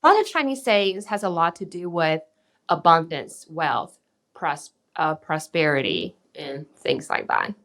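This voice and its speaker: Podcast co-host: a woman, lower pitched, who explains customs calmly with words mixed in. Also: unhurried, gravelly. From central Taiwan. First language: Mandarin. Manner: explains thoughtfully, slips Mandarin terms into English. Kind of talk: casual chat.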